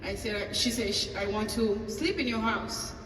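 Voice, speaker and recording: A woman's voice: medium pitch, fairly even intonation, moderate pace, a bit bright, slight background noise. A woman pastor with a Tanzanian accent telling a personal story at a table talk, acting out dialogue with hesitant fillers. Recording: echoey hall from far off, faint ambience.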